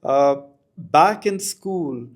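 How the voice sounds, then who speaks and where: A man's voice: a little high, lively intonation, very slow. A middle-aged man with an Indian accent, reflectively telling personal anecdotes as an interview guest in an articulate way. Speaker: podcast guest, school educator.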